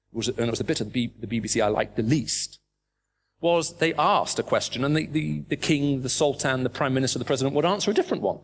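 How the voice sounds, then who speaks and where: A man's voice: mid-range voice, a little hiss or hum. A middle-aged man with a British English accent, preaching a sermon to a live audience, emphatic and full of rhetorical questions. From raised in the Middle East.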